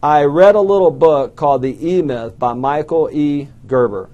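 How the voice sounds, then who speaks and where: With a slightly high, dark voice at normal speed, a middle-aged Alabama-accented man from the southern United States gives an audience a motivational talk. He works as a small business coach speaker, spinning folksy stories and self-deprecating jokes, and the recording has its highs cut off.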